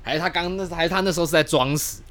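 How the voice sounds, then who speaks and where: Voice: mid-range voice, fairly bright tone. A podcast co-host with a Taiwanese Mandarin accent, chatting casually and cutting in with short questions. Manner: quick listener with short questions and interjections. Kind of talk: casual chat.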